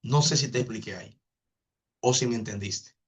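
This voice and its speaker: A man's voice: medium pitch, normal speed, husky. A man, teaching an online spiritual class in a casual way, answering viewers' comments earnestly and repeating words while he thinks.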